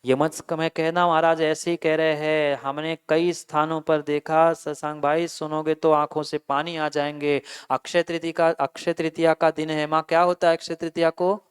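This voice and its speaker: A monk preaching a sermon in a clear, ringing voice pitched somewhat high for a man. He questions his listeners directly and tells a story to make his point. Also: flat delivery, moderate pace, hardly any pauses. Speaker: Jain monk.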